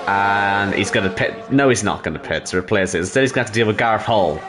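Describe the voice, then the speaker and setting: A man's voice: on the low side, fast, noisy background. A man commentating sim racing, analysing strategy with dry humour. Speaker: race commentator.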